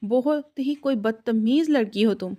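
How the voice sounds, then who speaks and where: A woman voicing a quick-tempered young husband who scolds curtly in a storybook reading. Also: on the high side, warm tone, close to an everyday voice. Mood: irritated scolding. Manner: scolding, gruff.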